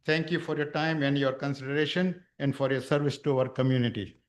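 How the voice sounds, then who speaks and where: A man's voice: mid-range voice, fairly even intonation, a little fast. Man formally reading prepared remarks. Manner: formal, with occasional stumbles. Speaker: public speaker at a council meeting. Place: township council meeting room.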